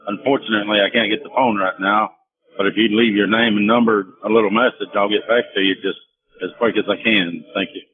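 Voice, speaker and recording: A man with a fairly low voice leaves a friendly, unhurried answering machine greeting. It plays through a narrow, phone-like line. A clear hiss runs under it. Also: fairly even intonation. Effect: answering machine greeting heard over a phone call. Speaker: owner of a small trucking firm.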